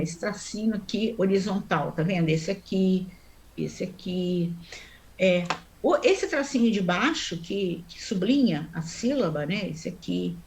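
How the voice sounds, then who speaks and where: A woman's voice: mid-range voice, a little hiss or hum. A woman teaching a Sanskrit class online, explaining step by step and often checking in with her students. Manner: chants mantra syllables slowly.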